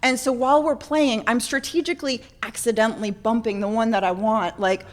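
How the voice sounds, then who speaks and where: This woman, born in Norway and from central Florida, speaks a little high and a little fast while telling a group about her addiction recovery. Her informal account is candid and self-deprecating, turning animated when she acts out moments.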